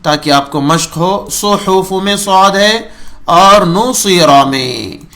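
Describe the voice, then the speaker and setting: A man teaching a Quran reading lesson, who slowly draws out single syllables and repeats each sound to model its pronunciation, in a patient, instructive manner. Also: sits high, expressive, pushed and bright. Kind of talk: recorded recitation lesson. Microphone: recording for remote students.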